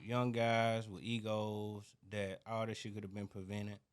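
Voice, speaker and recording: A man's voice: fairly low pitch, level tone, a little slow, smooth. A man, a record label founder speaking as an interview guest in blunt street slang, often repeating himself. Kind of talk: casual interview talk.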